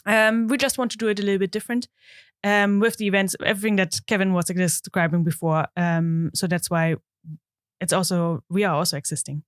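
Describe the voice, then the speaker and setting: Woman, German accent, podcast co-host, smooth clear voice, dry close recording. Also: mid-range voice, steady tone, fairly quick, dry recording. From eastern Germany. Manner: friendly, frequent agreeing interjections. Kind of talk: casual chat. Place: dry studio.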